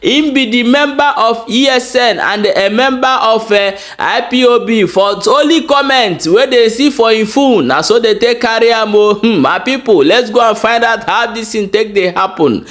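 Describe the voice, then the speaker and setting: A woman's voice: on the high side, normal speed, hardly any pauses. A woman speaking as she hosts a gist channel, giving news commentary to her viewers. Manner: speaks in Nigerian Pidgin.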